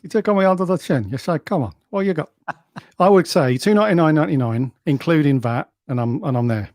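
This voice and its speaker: An easygoing man co-hosting a fan podcast, enthusiastic but relaxed. His voice is warm and mellow. The recording is dry and close. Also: a little high, fairly quick, dry recording. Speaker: podcast co-host. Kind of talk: casual chat.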